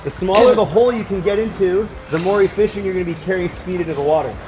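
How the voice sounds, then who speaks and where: A man's voice: high-pitched, fast, background noise. A man in his thirties coaching a group through a demonstration outdoors at a swimming pool, projecting his instructions. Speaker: swim coach and presenter. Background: background music.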